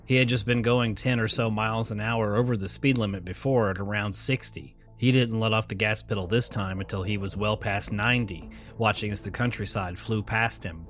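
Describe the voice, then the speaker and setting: A man narrating a scary story in a calm, measured voice. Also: fairly low pitch. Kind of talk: scripted narration.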